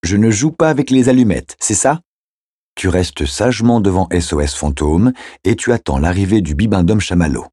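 A man voicing a fierce, protective young woman friend who pleads and shouts sharply. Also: low voice, animated, moderate pace, breathy edge, dry recording, studio quality. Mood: teasing, bossy.

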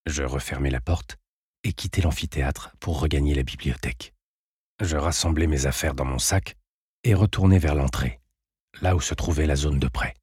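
A man reads a first-person novel aloud in a measured, sober way. His voice is very deep and husky, recorded close and dry with no room sound. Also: a little mellow, dry recording. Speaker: audiobook narrator.

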